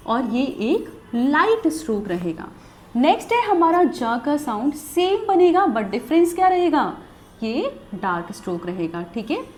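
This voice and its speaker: Young woman explaining a lesson, high voice that jumps around a lot, patient. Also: a little mellow. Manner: patient, explanatory, repeats "theek hai". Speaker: shorthand teacher. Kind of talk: recorded lesson.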